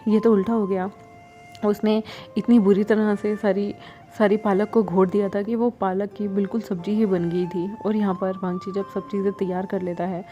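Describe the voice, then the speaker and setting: A woman storyteller narrating a fan story in a relaxed, chatty way, dropping in conversational asides. Her voice is mellow and soft-edged at an ordinary pitch. Faint instrumental music plays underneath. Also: lo-fi sound.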